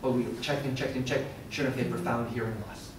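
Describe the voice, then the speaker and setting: Heard from a distance in an echoey classroom or lecture room with faint background noise, a middle-aged man runs a workshop for a live audience. He keeps things interactive by asking the room questions, speaking fast in a medium-pitched, flat delivery.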